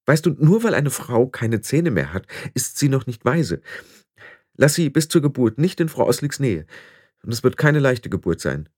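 A man's voice: mid-range voice, big pitch swings, normal speed, darkish tone, slightly rough, no room sound, studio quality, pitched above the performer's own voice. A man voicing a firm, sensible young witch. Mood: firm, reproachful. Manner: firm, reproachful. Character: sensible, sharp-tongued young witch, girl. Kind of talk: audiobook character voice.

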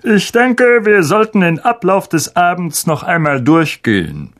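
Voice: medium pitch, sing-song, a little slow. A reader playing a pompous, self-important uncle who orders his family around. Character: pompous, bossy middle-aged uncle.

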